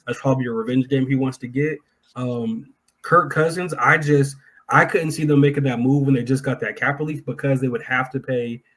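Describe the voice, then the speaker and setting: A man with an average-pitched voice co-hosts a sports podcast. He gives his analysis informally, in an opinionated, chatty way. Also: fairly quick, fairly bright tone. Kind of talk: casual sports analysis chat.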